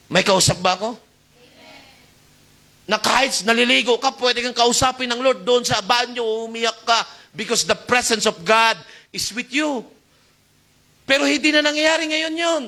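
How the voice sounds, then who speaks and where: A man preaching to a youth service, exhorting and calling for amens, his delivery swinging between loud and soft. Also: extremely high pitch. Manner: exhorting, calls for amen, shifting loud and soft. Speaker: youth pastor. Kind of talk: Taglish sermon.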